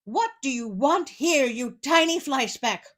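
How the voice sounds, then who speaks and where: A woman voicing a huge, dim and rude male giant in a read-aloud storybook, speaking in a loud, bossy, blustering way. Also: mid-range voice, very animated, unhurried.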